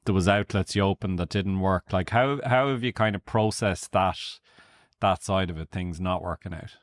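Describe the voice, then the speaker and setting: A man, hosting a casual interview and asking frank, relaxed questions. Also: low-pitched, moderate pace. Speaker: podcast host.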